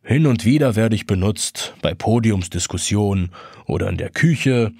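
Brief: man doing a sorrowful talking hourglass for a storybook, hollow, deep and slow, a little husky. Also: expressive, no room sound, studio quality, full character voice. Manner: reproachful, slow and gentle. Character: hollow-voiced sad old male hourglass.

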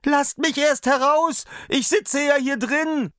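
A man voicing a tiny, frightened boy tailor in a storybook reading, with a high piping voice and urgent, drawn-out calls. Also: steady tone, fairly bright tone, no echo, clean studio sound, heavily acted.

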